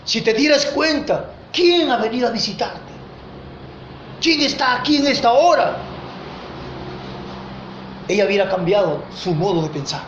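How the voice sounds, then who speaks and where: A pastor with a Peruvian Spanish accent preaching a sermon with passion, swinging between loud peaks and low asides and often calling his listeners "brother". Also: sing-song, a little slow, pauses often. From Peru. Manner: addresses listeners as "hermano". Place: church hall. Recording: echoey church room, dull lo-fi sound, faint noise.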